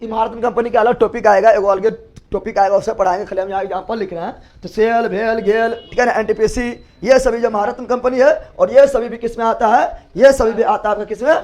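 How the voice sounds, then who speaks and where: High-pitched man drilling a class. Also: steady tone, fairly quick, darkish tone. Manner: repetitive call-and-response drilling, asks and answers himself. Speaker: teacher. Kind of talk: classroom lecture.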